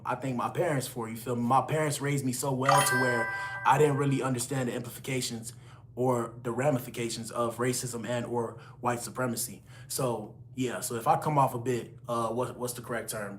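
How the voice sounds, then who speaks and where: A young man in his late twenties talks casually on a live stream, rattling off shout-outs to his viewers. His delivery is loose and slangy, in a middle-pitched voice with a faint hiss of noise behind him. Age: 20s. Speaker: livestream host reading chat.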